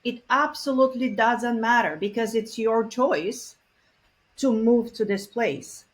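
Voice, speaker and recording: A Bulgarian woman whose first language is Bulgarian appears as a guest expert on multilingual parenting in a conversational interview. Her voice is a little high, and she speaks earnestly and reflectively, with frequent pauses and fillers.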